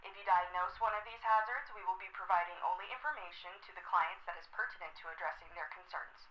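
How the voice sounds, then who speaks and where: A woman's voice: fairly low pitch, quick pace, sharp tone, echoey room. A woman playing a businesslike hotline supervisor, formal and matter-of-fact, through a telephone filter. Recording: noisy radio-like telephone line.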